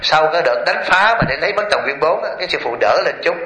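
A Buddhist monk preaches to lay listeners, constantly quizzing them with rhetorical questions and chuckling often while telling stories. His voice is on the high side, expressive, fast, bright and forceful. The hall is echoey, and there's a little hiss or hum.

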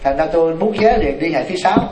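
A man, a Buddhist monk telling a story in a dharma talk, animated and speaking straight to his listeners. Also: on the high side, fast talker. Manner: animated, addresses the audience directly. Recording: echoey room, mic far off, noisy.

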